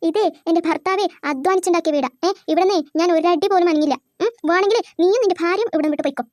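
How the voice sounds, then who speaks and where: A woman's voice: extremely high pitch, quick pace, darkish tone, dry recording, clean studio sound. A woman voicing a bossy, self-pitying old mother-in-law in a cartoon, scolding and sarcastic as she complains. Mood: angry. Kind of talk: cartoon voice acting.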